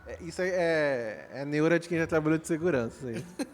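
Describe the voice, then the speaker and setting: Joking Brazilian pastor hosting a podcast. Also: male voice, fairly high pitch, brisk, slight background noise. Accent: Brazilian Portuguese. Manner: chatty and joking, slangy. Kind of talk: casual podcast conversation. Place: church studio, recorded at night.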